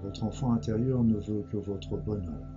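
A man leading a guided relaxation like a sleep story narrator, speaking gently and slowly in a hushed delivery with long pauses. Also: fairly low pitch. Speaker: guided meditation leader. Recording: dull lo-fi sound with music behind. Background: meditation music.

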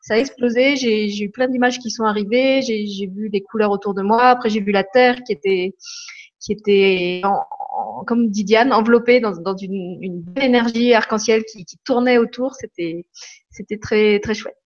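A woman's voice: mid-range voice, steady tone, moderate pace, lo-fi sound. A woman hosting a live online chat, talking casually with many restarts and repeated words. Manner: hesitant, repeats words, laughs often. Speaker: host of a live meditation broadcast.

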